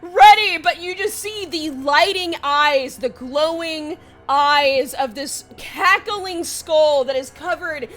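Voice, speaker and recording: Young woman game master, excitable and laughing, high bright voice, slow dramatic delivery. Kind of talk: narrating a tabletop role-playing game.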